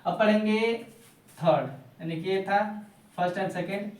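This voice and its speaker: A man teaching spoken English in Hindi, drawing out English words slowly and repeating phrases. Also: high voice, a little mellow, recorded from a distance. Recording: roomy echo, voice off-mic.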